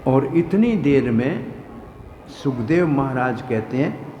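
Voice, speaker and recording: A man's voice: mid-range voice, expressive, slow, warm tone, highs cut off. A man giving a devotional scripture discourse as a preacher, telling the story vividly, acting out its scenes and explaining the verses. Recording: echoey hall with faint noise.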